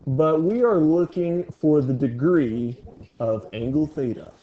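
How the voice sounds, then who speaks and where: A man's voice: a little high, a little slow, slight background noise. Playful male teacher, muffled classroom sound. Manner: playful, jokey with students. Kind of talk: classroom review lesson.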